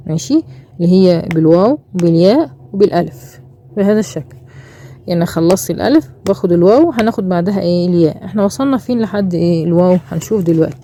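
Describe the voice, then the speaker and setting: A woman's voice: fairly low pitch, mellow, slight background noise. A woman with an Egyptian Arabic accent teaching a children's reading lesson, asking questions and answering them herself, stretching out sounds.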